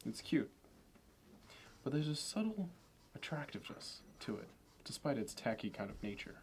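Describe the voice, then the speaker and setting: A man playing Patrick Bateman as a smooth, obsessive, status-minded banker in an ASMR roleplay, polished, meticulous and condescending. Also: mid-range voice, big pitch swings, normal speed, a little hiss or hum, close to an everyday voice. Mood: fastidious, appraising.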